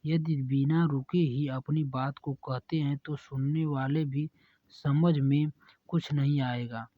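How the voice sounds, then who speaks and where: A man who teaches, reading exam answers aloud in a steady dictation-like way and correcting himself now and then. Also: fairly high pitch, takes it slowly, no room sound, dull audio.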